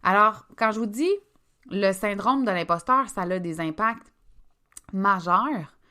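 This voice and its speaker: Québécois woman, podcast host and coach, bright and chatty, emphatic, close mic. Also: medium pitch, unhurried. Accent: Québécois French. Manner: chatty, emphatic, addresses listeners directly. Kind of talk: casual podcast monologue.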